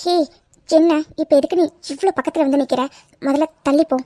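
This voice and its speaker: A prickly young woman snaps back at an unwanted suitor with sharp, scolding retorts, as a woman voices her. Her voice sits very high. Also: a little fast, no echo, studio quality, natural voice. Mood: annoyed.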